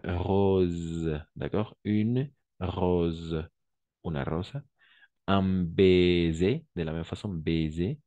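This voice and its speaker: A man's voice: deep voice, slow pace, warm tone, no room sound, dull audio. A man teaching French in an online class, patiently repeating each word and translating into Spanish. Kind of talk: online language lesson.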